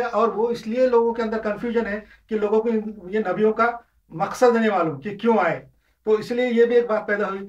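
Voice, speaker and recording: A man gives an informal religious lesson, explaining with examples and often hesitating or restarting. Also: high-pitched. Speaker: religious lecturer. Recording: distant, dull lo-fi.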